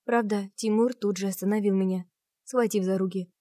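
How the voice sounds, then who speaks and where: A woman reading a first-person romance novel aloud, with an expressive, dramatic delivery. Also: mid-range voice, fairly quick, dry recording. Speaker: audiobook narrator.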